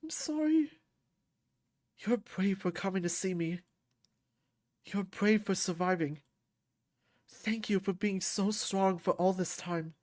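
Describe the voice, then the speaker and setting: Woman playing a soft-spoken male therapist. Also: medium pitch, lightly acted. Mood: gentle. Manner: soft, soothing, slow and earnest. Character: gentle, caring male therapist.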